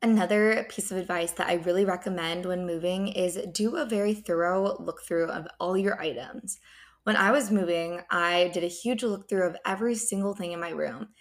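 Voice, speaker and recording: A woman's voice: on the low side, moderate pace. A young adult woman hosting a podcast of casual advice on her own, recorded in an echoey unfurnished apartment. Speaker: podcast host. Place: indoors, unfurnished apartment with bouncing sound. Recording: echoey empty apartment room.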